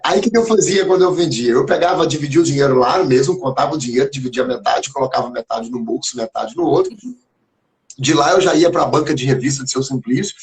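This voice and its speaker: Gravelly mineiro man telling stories. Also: fairly high pitch. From Minas Gerais, Brazil. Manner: lively anecdotes, acts out remembered dialogue. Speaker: teacher, guest on a live stream. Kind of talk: casual storytelling in a live chat. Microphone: phone or computer on a video live stream.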